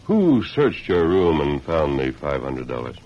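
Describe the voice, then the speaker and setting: An actor voices a calm, authoritative masked hero in a 1940s-50s radio western, his very deep, husky voice exaggerated and his delivery measured, earnest and commanding. The recording is dull and lo-fi, like an old radio broadcast.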